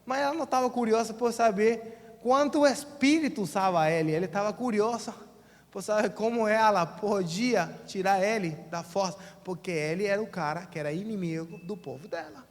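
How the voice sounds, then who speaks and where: A man's voice: high-pitched, normal speed. A man with a Brazilian accent preaching a sermon as pastor in a church, colloquial and acting out quotes in different voices. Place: church sanctuary. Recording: long church reverb.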